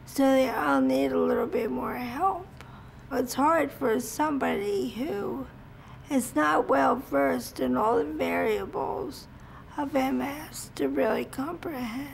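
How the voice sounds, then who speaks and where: A woman with MS speaking slowly and earnestly in an interview, recorded in an indoor office. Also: high-pitched, vocal fry, slight background noise, rough recording. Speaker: person with MS. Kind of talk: interview answers.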